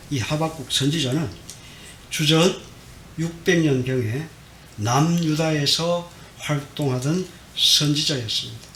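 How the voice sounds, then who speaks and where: A middle-aged male pastor giving a Sunday sermon, swinging between quiet and loud and asking the congregation questions. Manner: dramatic swings in loudness, acting out the prophet's complaints. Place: church sanctuary. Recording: echoey church hall with faint rumble.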